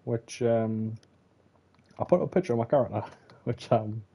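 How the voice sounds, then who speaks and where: A man's voice: mid-range voice, normal speed, dark tone, husky. A man casually commenting on a horror game he plays, rambling with many fillers and wry remarks. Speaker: gameplay commentator. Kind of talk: casual let's-play commentary.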